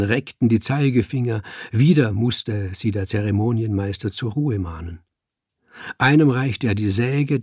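A man narrating a story aloud in a calm, measured storytelling manner. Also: medium pitch, husky, no room sound, clean studio sound. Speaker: audiobook narrator. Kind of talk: scripted narration.

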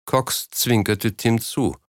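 A man reading a story aloud in a steady, measured scripted narration. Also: mid-range voice, dry recording, clean studio sound. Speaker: audiobook narrator.

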